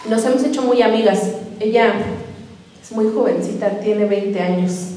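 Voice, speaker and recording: Woman, sermon, animated retold dialogue, mellow tone, distant mic, long hall reverb. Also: mid-range voice. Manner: animated storytelling, voicing both sides of conversations. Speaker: preacher. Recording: echoey hall, voice from far off.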